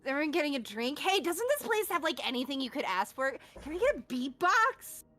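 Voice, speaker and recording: A woman's voice: high-pitched, very animated, a little fast, pushed and bright, heavily acted. A woman voicing a chatty, cheeky young newcomer in a tabletop game, with casual, rambling, slangy talk. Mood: friendly, chatty.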